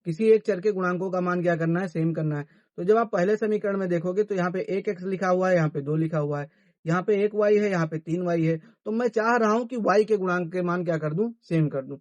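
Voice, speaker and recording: Male math teacher, answers his own questions, pitched high. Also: fairly quick, a little mellow, no echo, lo-fi sound. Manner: asks questions and answers them himself. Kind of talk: classroom-style math lesson.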